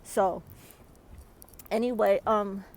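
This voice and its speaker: A woman's voice: mid-range voice, fairly even intonation, slow, poor audio. A woman, out of breath, filming a weather vlog outdoors in a snowstorm and often adding "okay?" to her emphatic advice. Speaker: vlogger.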